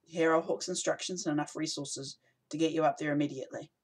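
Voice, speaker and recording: A man's voice: on the high side, fairly even intonation, fast talker, breathy edge. A man reads as a woman who runs a rebel cell and is worn thin by work. She is curt and weary, firm when pressed. An audiobook part. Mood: brisk. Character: tired brisk woman rebel leader.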